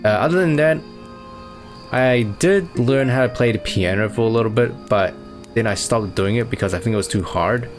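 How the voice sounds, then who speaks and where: A man's voice: mid-range voice, normal speed. A young man chatting casually as he answers fan questions, easygoing and rambling with plenty of fillers. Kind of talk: casual chat. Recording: music playing behind.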